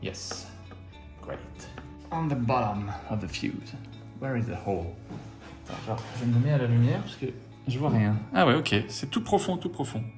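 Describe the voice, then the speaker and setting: Easygoing French-accented man, lively pitch. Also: moderate pace, soft background music. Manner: easygoing, jokes at himself, repeats each step in two languages. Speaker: RC model hobby video host. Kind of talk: bilingual step-by-step assembly tutorial. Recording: echoey room.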